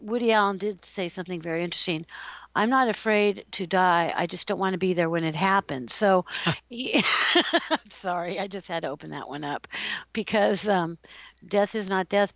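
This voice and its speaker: A woman's voice: mid-range voice, vocal fry, dry recording, highs cut off. A woman hosting a casual show, giggly, chatty and theatrical in her delivery. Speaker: host. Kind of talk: casual radio-show chat. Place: California.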